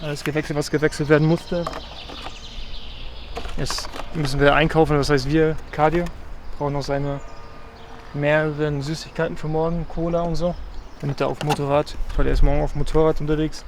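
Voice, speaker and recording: Relaxed man vlogging, slightly high voice. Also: fairly quick, a little hiss or hum. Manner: relaxed, rambling, many filler sounds. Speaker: pro gravel cyclist vlogging a race trip. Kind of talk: casual vlog chat to camera.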